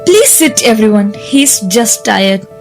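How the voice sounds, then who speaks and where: A woman's voice: fairly high pitch, expressive, slow, over music. A woman acting a scheming, controlling noble lady in an amateur stage drama. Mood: composed, urgent.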